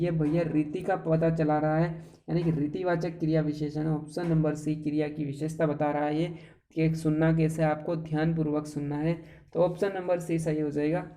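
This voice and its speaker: A man's voice: fairly high pitch, warm tone. A man teaching an exam-prep grammar lesson, chatty and playful, calling viewers friends and brothers and asking them rhetorical questions.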